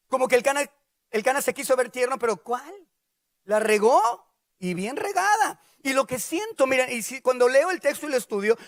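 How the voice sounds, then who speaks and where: A man preaching a sermon, lively and animated, with playful asides to the congregation. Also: extremely high pitch.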